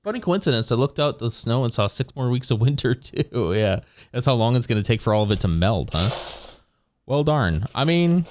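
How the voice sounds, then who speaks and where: A man's voice: mid-range voice, sing-song, normal speed, darkish tone. A man streaming live, chatting casually and rambling with his viewers, chuckling often as he goes.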